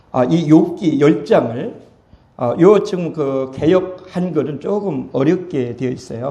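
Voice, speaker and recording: High-voiced male pastor preaching. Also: dark tone. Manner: reads verses aloud, then restates them in plain everyday words. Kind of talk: sermon with scripture reading.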